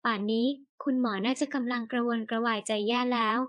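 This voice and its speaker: A woman's voice: fairly high pitch, flat delivery, brisk, dry recording, dull audio, lightly acted. A woman voicing a confident, kind young wife in an audiobook, speaking in a cheerful, reassuring manner. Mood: assured, caring.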